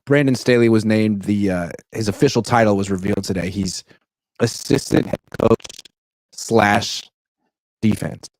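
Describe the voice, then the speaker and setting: A man's voice: lowish voice, moderate pace, gravelly, darkish tone, dry recording. A man in his thirties talking casually as a podcast co-host, his voice breaking up through a crackling, distorted microphone. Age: 30s. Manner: conversational, reads listener comments aloud. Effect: crackling, distorted mic. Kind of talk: casual chat.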